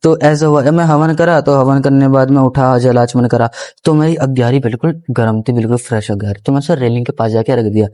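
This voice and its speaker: A man's voice: medium pitch, steady tone, fairly quick, few pauses, warm tone. A young man, a podcast guest, earnestly telling a personal story in a rambling, respectful way, often calling the host guruji. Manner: rambling, with restarts and repeated phrases. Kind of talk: casual first-person storytelling.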